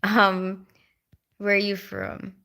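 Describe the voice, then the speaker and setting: This young Filipino livestream host speaks slowly with a completely flat delivery in a mid-range voice that's gravelly and sharp. With her Filipino accent, she chats casually and reads out viewer comments, often saying "like" and "you know."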